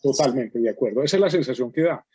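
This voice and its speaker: A man's voice: mid-range voice, expressive, fast talker, over a noisy crowd, rough recording. A man teaching a writing workshop, explaining patiently with many fillers and checks like "right?". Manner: explanatory, frequent "¿cierto?" and fillers. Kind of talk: online workshop lecture.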